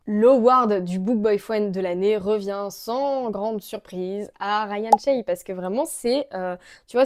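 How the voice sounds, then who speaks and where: Mellow-voiced chatty young French woman. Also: mid-range voice. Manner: chatty and gushing, many fillers. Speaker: book vlogger. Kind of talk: casual chat to camera.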